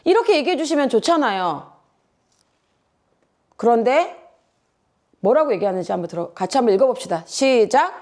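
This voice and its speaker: A woman's voice: fairly high pitch, sing-song, moderate pace, pauses often, darkish tone. A middle-aged woman pastor preaching a sermon, asking the congregation questions and mixing in English words.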